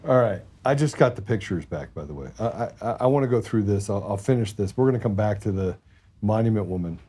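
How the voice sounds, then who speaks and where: A man's voice: lowish voice, expressive, fast, warm tone, breathy edge. A man hosting a political talk show, blunt and heated, often repeating words as he gets going.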